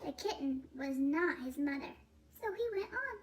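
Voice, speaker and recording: A woman reading a children's picture book aloud in a playful, expressive way, drawing out words. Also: high voice, moderate pace, slight background noise. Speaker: storybook reader.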